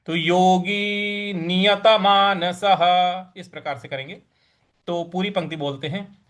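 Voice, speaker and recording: Male recitation teacher, high and very slow, deliberate syllable drills. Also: steady tone, a bit bright. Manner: chants verses in a melodic sing-song. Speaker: Gita teacher. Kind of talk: recitation lesson.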